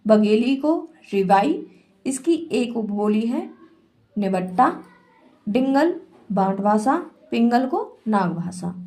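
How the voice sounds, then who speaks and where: Slow, measured woman teaching a class. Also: a little high, animated, a little mellow. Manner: slow, measured, list-reading delivery. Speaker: Hindi literature teacher. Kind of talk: lecture reading out lists of dialects.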